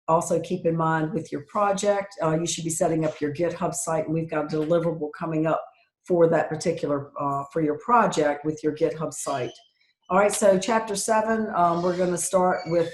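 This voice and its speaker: A woman's voice: low voice, reverberant. A woman professor giving a casual university lecture over a video call, with frequent ums and self-corrections. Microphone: video call computer mic.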